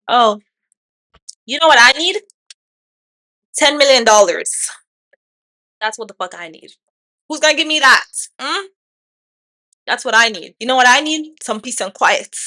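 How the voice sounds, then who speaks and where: A woman in her twenties talks through her opinions in a solo podcast, blunt and irreverent. Her voice is bright and forceful, and she often breaks into laughter or fires off rhetorical questions at the listener. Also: a little high. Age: 20s. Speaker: podcast host. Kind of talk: casual opinion monologue. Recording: odd-sounding mic.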